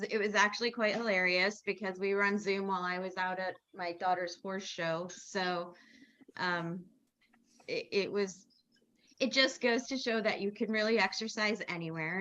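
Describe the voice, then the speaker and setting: A woman giving a playful shout-out to a colleague during a video call. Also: mid-range voice. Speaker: meeting member. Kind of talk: casual video-call chat. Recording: dull lo-fi call audio.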